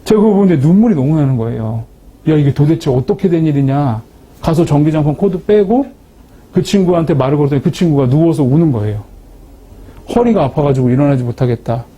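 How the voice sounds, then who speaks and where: Guy telling his faith story, warm husky voice, pokes fun at himself. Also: fairly high pitch, quick pace. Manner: lively, self-mocking storytelling. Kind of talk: storytelling testimony talk.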